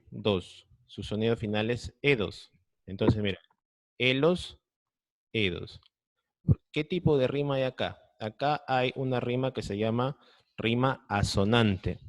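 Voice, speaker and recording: A man's voice: fairly low pitch, no room sound. A man with a Peruvian Spanish accent teaching an online class over a video call, patiently explaining step by step and often checking that students follow.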